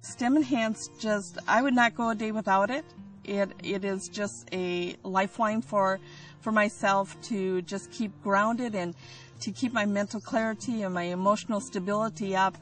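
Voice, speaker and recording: A woman giving an unscripted customer testimonial, halting as she searches for words. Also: medium pitch, steady tone, soft background music. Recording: distant microphone.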